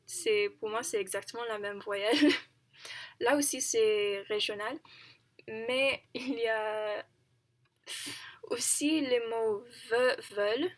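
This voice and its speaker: A young woman in her twenties, a vlogger learning languages, talks casually to the camera in a practice monologue. Her voice sits on the high side, and she speaks slowly and haltingly, laughing often, correcting herself and searching for words.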